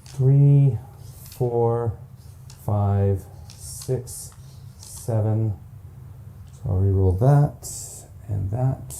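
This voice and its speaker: A man's voice: on the low side, extremely slow, gravelly, long pauses, mellow, slight background noise. A man narrating a solo board game campaign, counting dice aloud in a chatty, self-mocking way. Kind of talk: casual play-through narration.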